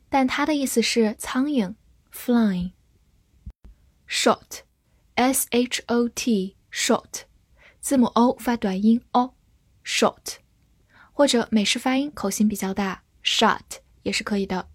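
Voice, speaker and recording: A woman teaches English vocabulary in a slow, deliberate way, spelling out each word and reading example sentences with care. Her voice sits a little high. It is recorded close and dry. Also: darkish tone, husky, dry recording. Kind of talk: scripted vocabulary lesson.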